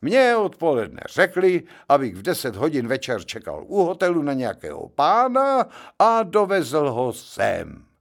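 A plain-spoken chauffeur, as a storyteller puts him on, talking fast and pitched up in protest, with a gravelly grain and lively swings in pitch. A storybook working man caught out. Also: full character voice. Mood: defensive.

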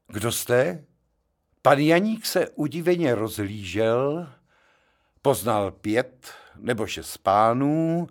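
A man reading a short story aloud as narrator, expressive and animated. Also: medium pitch, creaky.

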